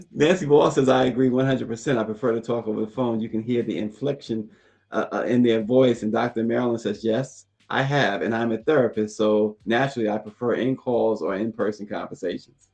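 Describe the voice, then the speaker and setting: Relaxed man co-host reading viewer comments. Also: medium pitch, a little fast. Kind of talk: casual chat.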